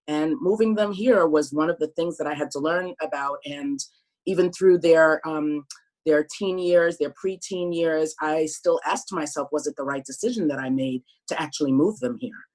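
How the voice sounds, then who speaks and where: A middle-aged woman from Brooklyn talking as an interview guest, thoughtful and measured, with frequent pauses and restarts. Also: deep voice, darkish tone, low-quality recording. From Brooklyn, New York, USA. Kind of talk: candid sit-down interview.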